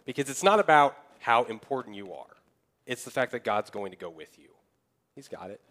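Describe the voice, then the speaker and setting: A young man preaching a sermon as pastor, in a conversational way, acting out people's excuses in quick asides. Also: mid-range voice, expressive, a bit bright. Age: young adult.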